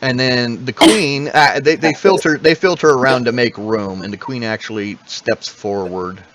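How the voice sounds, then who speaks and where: A man acting as game master, narrating a tabletop game in an animated, rambling way full of restarts. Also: medium pitch, moderate pace, very noisy.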